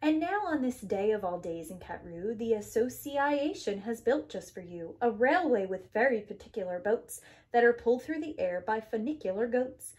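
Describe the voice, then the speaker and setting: Here a woman with a slightly high voice performs a rhyming kids' story at normal speed. She's animated and emphatic, hamming it up the way a preschool teacher would during an expressive read-aloud.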